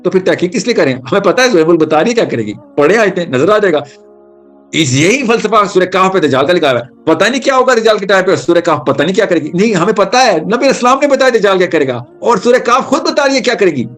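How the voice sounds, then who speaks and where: Man, religious talk, animated storytelling, English terms mixed in, higher voice. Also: soft background music. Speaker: Islamic speaker.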